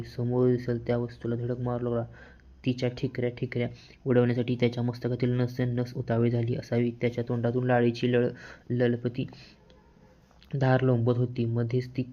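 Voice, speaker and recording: In this audiobook, a male narrator voices a novel's first-person storyteller at an even, unhurried pace. His nearly flat pitch gives an almost monotone delivery, captured in a dull, somewhat lo-fi recording.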